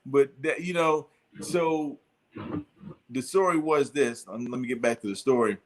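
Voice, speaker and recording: A man's voice: mid-range voice, unhurried. A middle-aged man hosting a casual chat, telling a long story with lots of fillers and restarts. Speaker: podcast host.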